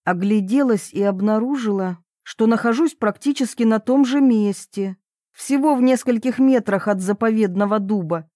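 A woman narrates an audiobook in the first person, wry and lively. Her voice sits a little high. The sound is close and dry, with almost no room around it. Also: moderate pace, dry recording.

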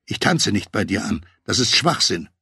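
Cocky mob guy, slow lazy drawl, low and gravelly, guy reading it. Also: sing-song, pushed and bright, dry recording, clean studio sound, heavily acted. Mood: defiant. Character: defiant cocky male mobster, foul-mouthed.

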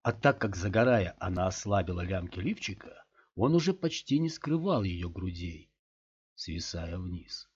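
A man with a low voice narrates an audiobook in a steady, measured way. The recording is dull and lo-fi. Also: husky. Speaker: audiobook reader.

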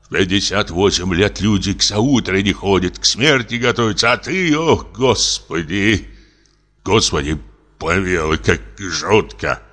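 A man voicing a drunk, frightened old comic actor in his late fifties, speaking in a slow, trembling, self-pitying lament. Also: low voice, animated, a bit bright, long reverb tail, full character voice. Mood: fearful. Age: older. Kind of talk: audiobook character reading.

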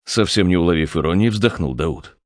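A man narrating an audiobook with a measured, expressive reading. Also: deep voice, no echo, studio quality. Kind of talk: scripted narration.

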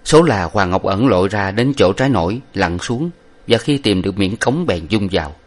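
A man reading an old novel aloud in a measured, steady way. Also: lowish voice. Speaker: narrator.

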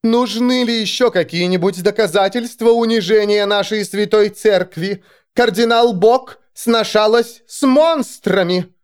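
A man's voice: high voice, unhurried, clean tone, pitched above the performer's own voice. A man playing a thundering fanatical bishop woman. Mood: outraged. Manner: declaiming, outraged.

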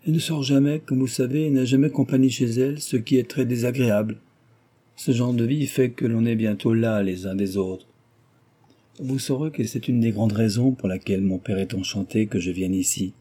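A man's voice: mid-range voice, warm tone, breathy edge, close to an everyday voice. A man reading aloud, voicing a frivolous, gossiping young aristocratic lady who talks flippantly and teases. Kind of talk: audiobook character reading.

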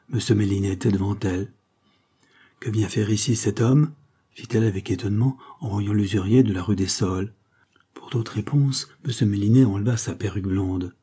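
Man reading an old novel aloud, dark mellow voice, a bit husky. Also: lowish voice. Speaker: audiobook reader. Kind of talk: audiobook narration.

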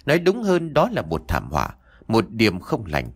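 A man's voice: wildly swooping pitch, normal speed, breathy edge. Guy reading a spooky story, super swoopy dramatic delivery. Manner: dramatic, sweeping pitch. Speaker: narrator. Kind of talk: horror story narration.

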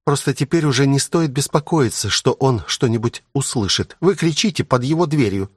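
A man voicing a calm, sensible young woman in an audiobook, speaking in a matter-of-fact way. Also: mid-range voice, moderate pace, husky, no echo, studio quality, pitched above the performer's own voice. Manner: calm, matter-of-fact, pleading when upset.

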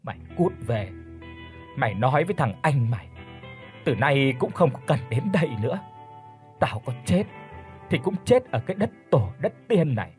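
A man's voice: mid-range voice, very animated, moderate pace, long pauses, a little mellow, faint music behind, close to an everyday voice. A man voicing a frail, bitter old village mother, weak and anguished, in an audio storybook. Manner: weak, anguished, wailing curses.

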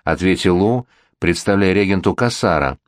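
A man reading a novel aloud in measured, scripted narration. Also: sits low, animated, dry recording, studio quality. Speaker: audiobook reader.

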